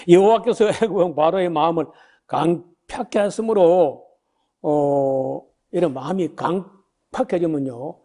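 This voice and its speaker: A man's voice: on the high side, mellow. A man in his sixties, a pastor giving a Bible lecture, talking in a conversational way with many fillers and rhetorical questions, and reading scripture aloud before he explains it. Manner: reads scripture passages aloud then explains. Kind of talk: sermon-style Bible lecture.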